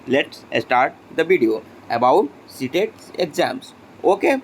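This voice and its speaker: A man's voice: mid-range voice, a little hiss or hum. Man explaining exam tips in Hinglish. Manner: mixes Hindi and English, addresses viewers directly; frequent fillers and checks like okay. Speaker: educational channel host. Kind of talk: exam guidance talk to students.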